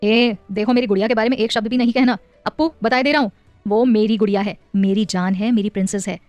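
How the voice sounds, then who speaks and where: A woman voicing a playful, doting young husband and father in an audio story, speaking gently and coaxingly. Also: mid-range voice, fairly even intonation, quick pace, dry recording, soft background music, close to an everyday voice. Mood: loving.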